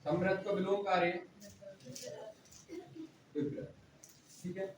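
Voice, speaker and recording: High-voiced teacher in an echoey classroom. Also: male voice, steady tone, slow pace, faint music behind. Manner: drills students with repeated questions and answers. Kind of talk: classroom lecture. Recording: echoey room, distant mic, faint noise.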